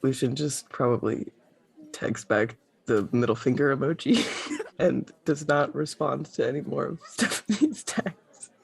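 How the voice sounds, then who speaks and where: A man with a gravelly, husky voice rambling his way through a tabletop role-play. He laughs often and stumbles playfully over awkward moments. His pitch sits in the middle range. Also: unhurried, no echo. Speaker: player.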